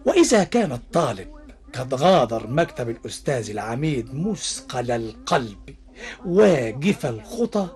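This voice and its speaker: An actor with an Egyptian accent playing an anxious, chatty talking banknote, narrating a radio drama grandly like a café storyteller. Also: male voice, medium pitch, a little mellow, natural voice.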